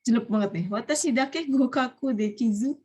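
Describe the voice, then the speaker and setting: In this online vocabulary class, the teacher's voice is a little high, a touch mellow and husky, and she speaks at a moderate pace. She patiently explains words over the video call, often asks her students questions, and works Japanese terms into her talk.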